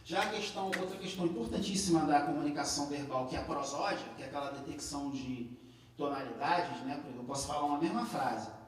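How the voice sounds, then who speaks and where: A Brazilian man lectures a class, talking things through with lots of tag questions and false starts. His fairly high voice is heard from well back in a very echoey hall. A faint hum of room noise sits under him. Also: fast talker. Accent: Brazilian Portuguese. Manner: explanatory, many tag questions and restarts. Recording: echoey hall recorded from a distance.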